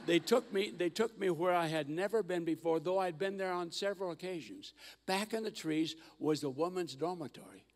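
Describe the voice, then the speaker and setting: An older man telling mission stories in a sermon on a church stage, animated and acting out the voices of the people in his stories. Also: high voice, moderate pace. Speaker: guest missionary speaker. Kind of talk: storytelling sermon. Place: large church auditorium stage. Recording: long hall reverb.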